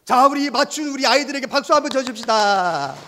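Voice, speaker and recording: A man preaching to children as a Sunday school preacher, telling a Bible story in an animated way and asking them questions. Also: very high voice, a little fast, slight background noise. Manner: animated, asks children questions, voices sound effects.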